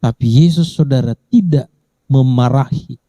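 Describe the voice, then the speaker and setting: A pastor preaching a sermon in church, dramatically acting out the quoted voices. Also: male voice, a little slow, dark tone, no echo. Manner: dramatic, acts out the quoted voices with big pitch jumps.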